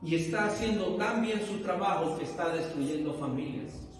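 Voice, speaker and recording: Pastor preaching in an echoey hall. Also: male voice, high-pitched, moderate pace, recorded from a distance, a little hiss or hum. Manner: asks the congregation questions, rising to emphatic bursts. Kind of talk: sermon. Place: church hall.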